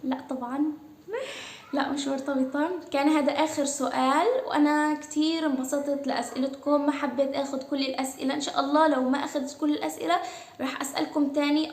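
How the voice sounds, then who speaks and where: A woman's voice: high voice, echoey room. A young woman from Gaza with a Palestinian accent, chatting casually as she answers her followers' questions, with many hesitant fillers. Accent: Palestinian Arabic. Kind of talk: casual Q&A vlog.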